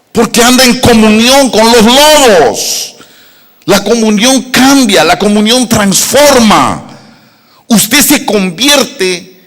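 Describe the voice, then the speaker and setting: A middle-aged man preaching, his fairly high voice swinging widely as he drives home repeated rhetorical questions. The sermon rings out with a long echo from a large hall. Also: fairly bright tone. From Costa Rica. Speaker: pastor. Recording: echoey hall reverb.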